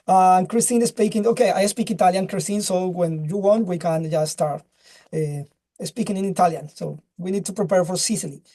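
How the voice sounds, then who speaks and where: Casting note: a man with a mellow voice, halting and restarting on a video call. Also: sits high. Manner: halting, searches for words, many restarts. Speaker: webinar speaker. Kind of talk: casual presentation and chat.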